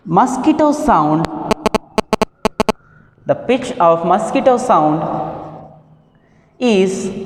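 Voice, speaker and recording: A woman teacher with an Indian English accent giving a physics lesson, repeating key terms slowly and asking then answering her own questions. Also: mid-range voice, a little mellow. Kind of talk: classroom lesson. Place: classroom. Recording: echoey room with long reverb.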